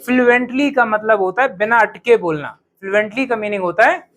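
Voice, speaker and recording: A man teaching English to a class, calling out phrases loudly for students to repeat in a drill. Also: sits high, fairly quick. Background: students' voices.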